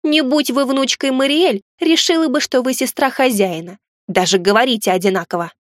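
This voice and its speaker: A woman voicing a fussy, chatty female fairy house spirit in a storybook reading, talking in an excitable, theatrical way. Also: sits high, moderate pace, dry recording, studio quality, pitched above the performer's own voice, natural voice. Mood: indignant.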